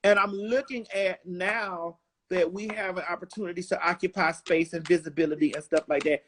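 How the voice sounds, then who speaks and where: In a casual interview, a woman in her forties speaks bluntly, emphatically and with profanity. Her voice is on the low side, with fairly even intonation and a normal speed. There is a little hiss or hum in the background.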